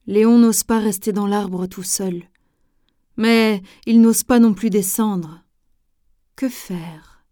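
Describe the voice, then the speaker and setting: A woman reading a children's story aloud in a gentle, expressive way. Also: medium pitch, slow, long pauses, no echo, clean studio sound.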